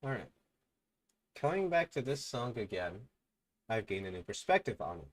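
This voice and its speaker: At normal speed, a young man reads fan theories on his stream in a low mumble, punctuated by loud, excited outbursts.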